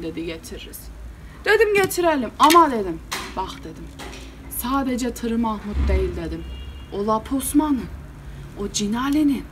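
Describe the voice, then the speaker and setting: Hot-tempered male village headman, performed by a woman, telling his tale solo, animated and fed up. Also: fairly high pitch, slight background noise, natural voice. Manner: animated, exasperated, repeats "I said". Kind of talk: solo storytelling performance, meddah style.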